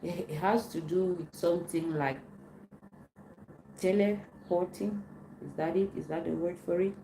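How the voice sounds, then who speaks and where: Slow, mellow-voiced woman. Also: on the low side, steady tone. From Cameroon. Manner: unhurried, repeats phrases and searches for words. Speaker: livestream host answering viewer questions. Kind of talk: casual live Q&A. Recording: roomy echo, faint background noise.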